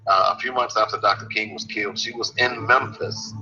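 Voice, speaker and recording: A man co-hosting a radio show, speaking in a measured, advising way. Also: fairly low pitch, steady tone, bright, forceful tone. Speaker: co-host. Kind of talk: casual radio chat. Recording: dull lo-fi livestream audio with faint hiss.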